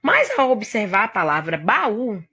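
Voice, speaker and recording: A woman's voice: mid-range voice, very animated, measured pace, sharp tone, husky. A woman teacher with a Brazilian Portuguese accent, patiently explaining a grammar lesson straight to the student. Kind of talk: recorded classroom lesson.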